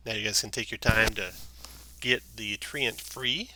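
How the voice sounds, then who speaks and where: A man's voice: lowish voice, measured pace, noisy background. A man acting as game master, narrating and refereeing a tabletop game.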